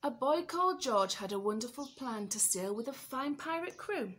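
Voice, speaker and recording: A woman teacher reading a picture book aloud to young children, expressive and asking them questions. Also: high-pitched, normal speed, breathy edge.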